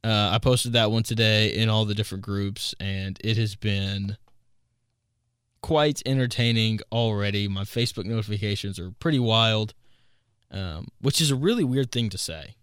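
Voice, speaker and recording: A man's voice: lowish voice, moderate pace, a bit bright, clean tone, no room sound. Twenty-something man, dry close mic. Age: 20s. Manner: amused, laughing at his own stories. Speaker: podcast host. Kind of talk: casual solo podcast chat.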